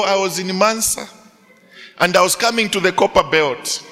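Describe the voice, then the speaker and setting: A middle-aged male pastor preaching to students, telling a story with animated delivery and frequent rhetorical questions. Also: sits high, long reverb tail. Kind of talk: sermon to students.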